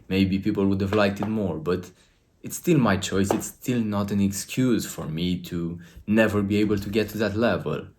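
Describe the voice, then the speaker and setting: A Romanian-accented man with a very deep, low voice coaches viewers straight to camera in an earnest, emphatic, lecturing motivational style. His tone is steady and darkish, at normal speed.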